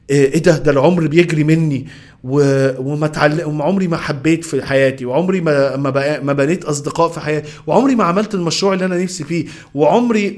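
A young man with an Egyptian accent, giving an earnest, direct motivational talk to the listener. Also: on the high side. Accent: Egyptian Arabic. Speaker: motivational speaker. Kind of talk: motivational monologue.

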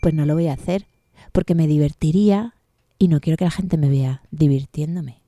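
A woman's voice: deep voice, normal speed, dark tone, no room sound, clean studio sound, pitched below the performer's own voice. A woman storyteller voicing a bored, snooty teenage girl who talks in a sullen, dismissive, slangy way. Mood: scornful.

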